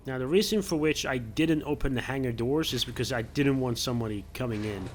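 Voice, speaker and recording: A man's voice: medium pitch, brisk, a little hiss or hum. A man hosting a gameplay video, talking himself through careful moves in casual commentary and chuckling now and then.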